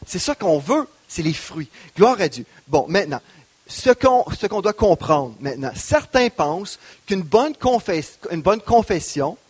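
High-voiced Québécois pastor preaching. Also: male voice. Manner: preaching with rising emphasis and rhetorical questions. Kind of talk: sermon.

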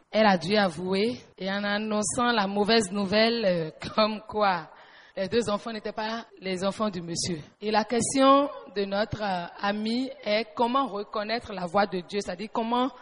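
A woman's voice: medium pitch, moderate pace. A woman leading a church seminar, retelling a question and checking with the audience as she teaches. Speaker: seminar speaker answering questions.

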